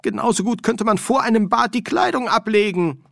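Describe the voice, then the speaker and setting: A man's voice: high voice, normal speed, gravelly, fairly bright tone, no room sound, studio quality, voice pushed up. A man doing a whiny, sneering old wizard dean. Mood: nagging. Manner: nagging, sneering. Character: whiny vain male wizard dean, older.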